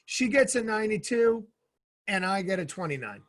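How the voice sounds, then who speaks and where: A middle-aged man, a guest in an interview, telling energetic stories and acting out the dialogue in them. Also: high-pitched, moderate pace, dry recording, clean studio sound. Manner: energetic storyteller who acts out quoted dialogue. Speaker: guest, former Navy SEAL and author. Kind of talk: casual interview storytelling.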